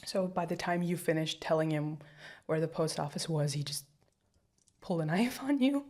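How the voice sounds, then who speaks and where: A young woman plays an anxious, protective girlfriend in an audio roleplay addressed to the listener, her voice low and her pace moderate. Sounding shaken, she rambles and stammers, often dropping into hushed whispers.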